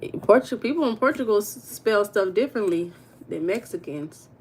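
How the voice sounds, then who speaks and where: A woman's voice: medium pitch, lively intonation, moderate pace, darkish tone, slightly rough. American woman, livestream host, casual and chatty, talks straight to her viewers. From United States. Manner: chatty, addresses viewers as y'all, reads comments aloud.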